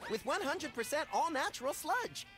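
Cartoon game rabbit: small, gleefully unhinged, high voice, wildly swooping delivery. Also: male voice, very animated, moderate pace, music in the background. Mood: eager. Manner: gleeful, mischievous. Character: gleefully manic little male cartoon rabbit with violent streak. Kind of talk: cartoon video game acting.

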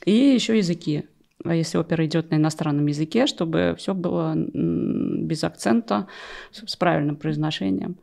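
A middle-aged Russian woman, an opera rehearsal pianist, tells her story as a guest on a conversational podcast. Her voice sits low with vocal fry and a warm tone at normal speed, and she is wry and self-deprecating, stopping to correct herself. She speaks close to a stand-mounted studio mic in a small furnished podcast studio.

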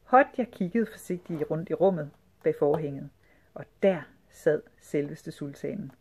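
A woman narrating a children's storybook with a lively, expressive read. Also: sits low, breathy edge. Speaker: audiobook reader.

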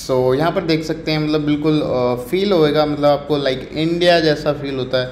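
Walking outdoors through a bustling city street market at night, an Indian man vlogs for his viewers in a chatty, filler-heavy mix of Hindi and English. He speaks at a moderate pace in a somewhat high, slightly mellow voice, recorded on an echoey street with faint ambience and slight background noise.

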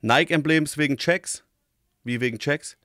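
A man's voice: on the high side, unhurried, over music. Slangy man picking apart rap lyrics. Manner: thinks aloud, picks apart lyrics and rhymes; swears casually, slangy. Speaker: host reacting to a rap song. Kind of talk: casual reaction commentary.

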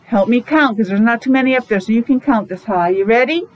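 A middle-aged preschool teacher talks fast in a fairly high voice, quizzing small children in simple, sing-song language during their morning meeting. Her face mask slightly muffles her. The sound comes from a device mic roughly arm's length away in a noisy classroom.

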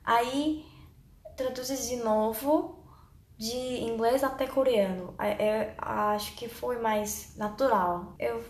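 A woman's voice: on the high side, slow. A young woman from South Korea with a Korean accent tells her story casually to camera, choosing simple, careful phrases in a second language. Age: young adult. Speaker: vlogger. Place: small bare indoor room. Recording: roomy echo, faint background noise.

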